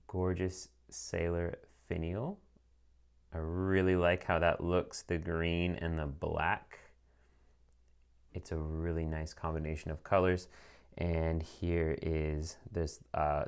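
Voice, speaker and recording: A man reviewing a fountain pen as he unboxes it, chatting casually with lots of ums and some dry sarcasm. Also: low voice.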